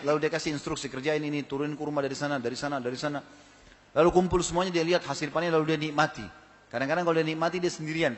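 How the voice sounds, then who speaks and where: A man's voice: on the high side, in a large hall. A man preaching a sermon to a live audience, emphatic and full of rhetorical questions.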